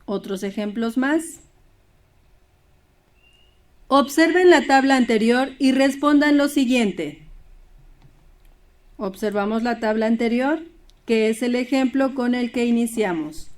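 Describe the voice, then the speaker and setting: Woman teacher, fairly high voice, steady classroom explaining, reads examples aloud. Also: slow, long pauses. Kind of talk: primary school Spanish lesson.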